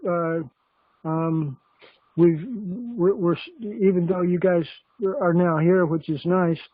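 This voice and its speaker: Male host on a phone call, halting and filler-heavy, slightly high voice, dry tinny line. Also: steady tone, dry recording. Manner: halting, many fillers and restarts. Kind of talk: casual chat. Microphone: telephone.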